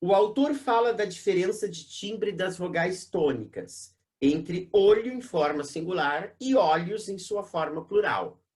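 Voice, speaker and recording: A teacher with a Brazilian accent runs an exam-prep class in a classroom with a board. The voice sits at a middle height but swings up and down a great deal. Key terms get drawn out slowly, and nearly every sentence ends in a quick tag question. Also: medium pitch, animated, a little mellow.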